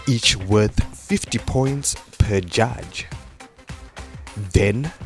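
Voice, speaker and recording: A man reading scripted voice-over that explains a game show's rules in a measured way. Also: mid-range voice, a little mellow.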